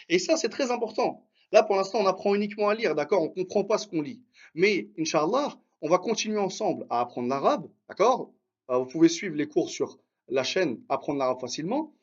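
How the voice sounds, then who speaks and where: A man's voice: high voice, lo-fi sound. A man teaching Arabic reading in a live online lesson, patiently sounding out syllables and praising his students by name.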